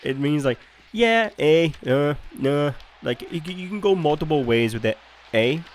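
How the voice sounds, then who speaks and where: A man's voice: on the high side, expressive, a little slow, a little hiss or hum. Chatty young man rambling over gameplay. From Canada. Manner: chatty, rambling storyteller who drifts off on tangents. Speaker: gaming YouTuber. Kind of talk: casual gameplay commentary.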